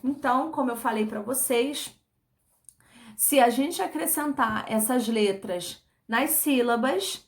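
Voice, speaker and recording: A woman with a Brazilian Portuguese accent teaching a recorded online class, speaking slowly and patiently, repeating words syllable by syllable and checking in with short tag questions. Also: a little high.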